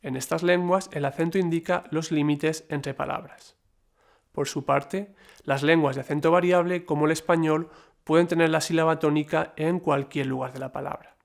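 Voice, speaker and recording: A man reading a scripted lesson in a measured, explanatory way, with the odd slip and filler. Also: on the high side, steady tone, vocal fry. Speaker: lecturer. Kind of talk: scripted educational narration.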